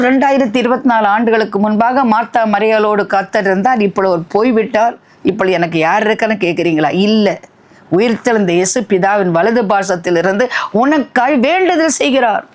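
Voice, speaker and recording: Fervent woman preacher. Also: darkish tone. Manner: fervent, rising to high emphatic peaks; mixes in English phrases. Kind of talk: sermon.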